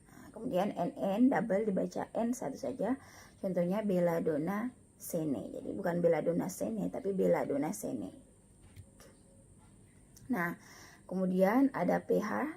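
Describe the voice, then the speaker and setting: A woman lecturer giving a recorded lesson, slow and patient, repeating each example aloud. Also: mid-range voice, creaky, warm tone, slight background noise. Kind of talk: recorded lecture on Latin pronunciation.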